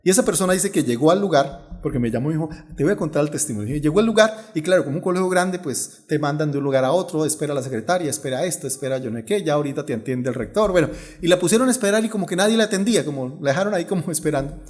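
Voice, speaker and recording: A middle-aged man, a pastor preaching a sermon and telling stories with lively acted-out dialogue. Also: on the high side, rapid-fire, few pauses. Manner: animated storyteller, acts out dialogue.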